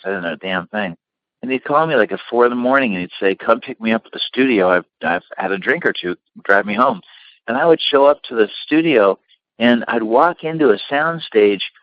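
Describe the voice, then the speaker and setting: A middle-aged man, founder of a limousine company, telling long anecdotes with lots of fillers in a relaxed interview. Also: medium pitch, no room sound, dull audio. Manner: rambling anecdotes with many fillers.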